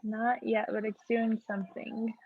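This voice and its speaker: A woman giving short, flat replies to a presenter, heard over a video call. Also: fairly high pitch, a little slow, slightly rough. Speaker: assistant running the call. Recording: tinny call audio with faint noise.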